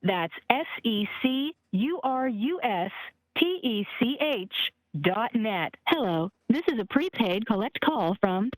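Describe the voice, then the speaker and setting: A woman's voice: a little high, animated, slow, no room sound, poor audio. A woman's recorded voice giving an automated announcement at the start of a prison payphone call, spelling out a web address letter by letter. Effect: recorded automated prompt on a prison payphone call. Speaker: automated phone system announcer. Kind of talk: scripted automated phone announcement.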